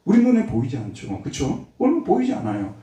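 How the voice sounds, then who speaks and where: A man's voice: mid-range voice, wildly swooping pitch, fast, mellow. A man preaching a sermon as pastor, emphatic and full of rhetorical questions, heard in a church sanctuary. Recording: very echoey church hall from far off.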